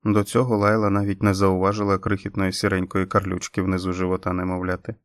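A man narrating an audiobook in a steady, measured reading. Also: sits low, no echo. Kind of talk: scripted narration.

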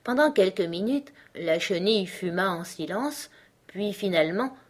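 A woman narrating an audiobook in a calm, even storytelling manner. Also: medium pitch, moderate pace.

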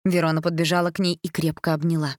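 A woman calmly narrating a fairy tale audiobook. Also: low-pitched, dry recording, clean studio sound. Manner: calm, measured reading.

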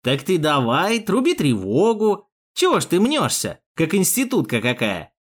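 A man's voice: fairly high pitch, big pitch swings, normal speed. A man voicing a mocking, crude male police thug with a jeering manner in an audiobook. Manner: jeering, sneering, loud.

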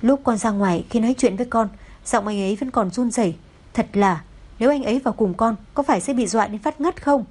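A woman voicing a young new mother who talks softly and playfully. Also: fairly high pitch, fast, husky. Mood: tender. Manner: soft, playful.

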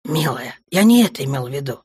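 A woman voicing a tender, possessive dark lord, an adult man, speaking in a low, soft murmur in an audiobook. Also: big pitch swings, quick pace, husky, no echo, exaggerated voice. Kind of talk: audiobook character voice.

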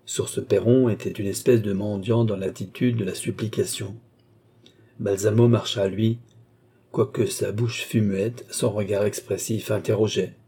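A man narrating a classic novel for an audiobook. His delivery is steady and measured, with a low pitch and a dark, husky sound.

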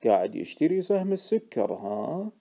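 A man with a Gulf Arabic accent voicing a calm, shrewd old male stock trader, speaking in a cool, dry, unhurried way. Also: on the high side, vocal fry, pitched above the performer's own voice. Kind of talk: audiobook character voice.

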